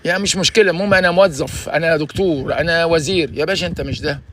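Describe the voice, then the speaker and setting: A man's voice: a little high, fairly even intonation, very fast, background noise. A man in his sixties with an Egyptian Arabic accent gives emphatic, preachy motivational advice in a casual vlog, often saying "ya basha". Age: 60s. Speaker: vlogger giving life advice.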